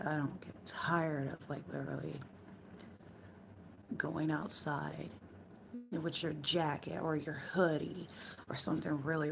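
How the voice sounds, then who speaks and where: A hoarse woman with a worn-out voice chatting casually to her live-stream viewers from home, rambling loosely and swearing now and then. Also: deep voice, background noise.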